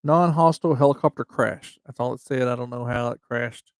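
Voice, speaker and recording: A man with a gravelly, fry-edged voice at a middle pitch hosts a casual livestream, reading memorial entries aloud. His speech is slightly slurred and halting, with frequent restarts and slow, careful dates. The sound is dry and close. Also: no room sound. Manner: halting, restarts often, reads dates and units slowly. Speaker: livestream host.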